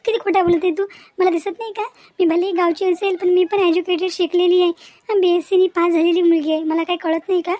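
A woman's voice: very high voice, little pitch movement, a little fast, mellow. A woman voicing a young educated village woman in a cartoon, upset and confronting the boyfriend she ran away with. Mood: accusing. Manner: pleading then demanding, confrontational. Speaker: cartoon character. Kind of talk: Marathi cartoon voice acting.

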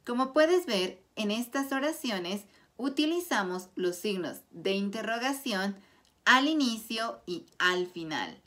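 A woman teaching a Spanish grammar lesson, explaining clearly and deliberately through example sentences. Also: medium pitch, expressive, sharp tone. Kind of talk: slow scripted grammar lesson.

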